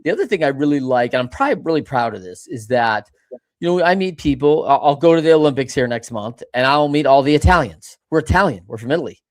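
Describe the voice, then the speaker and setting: A man hosting a podcast interview, chatting casually in an animated, folksy way. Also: medium pitch, fast talker. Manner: animated, folksy, talks in asides. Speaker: podcast host.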